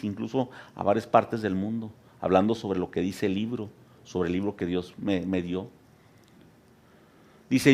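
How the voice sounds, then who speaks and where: Male pastor, low gravelly voice, sermon delivery that climbs into fervent peaks. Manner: builds to loud, high, impassioned preaching, addressing "hermanos". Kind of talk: Spanish sermon.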